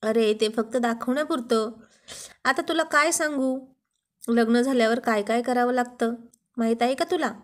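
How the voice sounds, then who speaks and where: A woman narrating a romantic story and reading every character's lines in a lively, playful way. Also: a little high, moderate pace.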